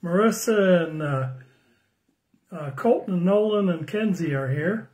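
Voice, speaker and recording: An older man in his sixties giving a children's sermon on a phone livestream, slow and friendly, greeting viewers by name and asking the kids questions. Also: high voice, expressive, a little mellow. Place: small room indoors at home. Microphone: phone camera close up.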